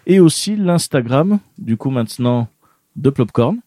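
A man's voice: mid-range voice, lively intonation, a little slow, dark tone, no echo. A man hosting a casual radio show in a studio, chatting loosely with lots of fillers and restarts.

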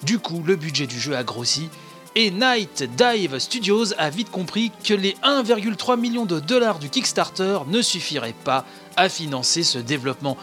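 A male podcast host reads out video game news articles, breaking off for frequent asides and often saying the filler "hein." His high-pitched, fairly bright voice has lively intonation at a normal speed, with faint music behind.

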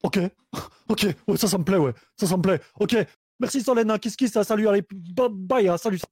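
High-pitched man in playful banter. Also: moderate pace, a little mellow, slightly rough, dry recording, clean studio sound. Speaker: improviser on a comedy show. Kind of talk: casual chat, playful improvised banter.

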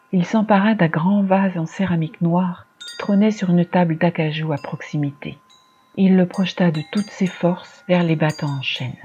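A storyteller giving a measured, dramatic scripted reading of a dark fantasy tale. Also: medium pitch, breathy edge, highs cut off.

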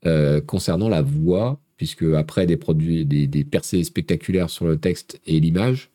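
A man's voice: very deep voice, normal speed, mellow. A man with a cold and a blocked nose hosts a live tech news show in French, talking casually with many hesitations. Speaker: host.

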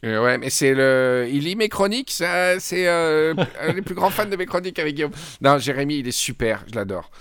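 A man's voice: a little high, animated, normal speed, hardly any pauses, fairly bright tone, smooth, dry recording, studio quality. A man from France hosting a casual podcast recap, chatty and opinionated, with laughing asides. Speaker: podcast host.

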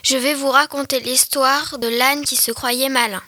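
High, bright girl's voice reading. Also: fairly even intonation, a little slow, dry recording. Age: under 12. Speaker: schoolgirl. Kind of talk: reading a story aloud.

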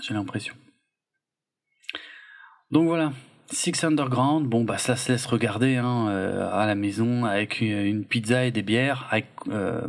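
A man's voice: lowish voice, vocal fry, a bit bright. A man casually reviewing films with a co-host, rambling and laid-back, with plenty of hesitations. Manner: rambling, laid-back, lots of filler and hedging. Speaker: podcast co-host. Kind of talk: casual film review chat.

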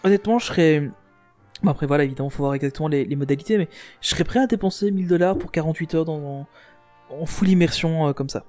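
A man's voice: on the high side, fast, darkish tone, soft background music. A man chatting on a casual podcast, enthusiastic and rambling, often restarting his sentences.

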